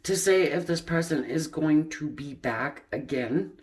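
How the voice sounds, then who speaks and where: A woman's voice: deep voice, measured pace, a little mellow. A woman giving a pick-a-card tarot reading in a chatty way, with many fillers and laughing at the cards. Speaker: tarot reader.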